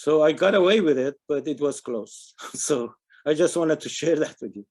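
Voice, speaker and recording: An older man from Iran speaks with a slightly raised pitch. He talks earnestly as a panel speaker in a webinar, telling a memory with fillers and frequent restarts. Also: expressive, fast, a little mellow. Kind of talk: webinar talk recounting a memory.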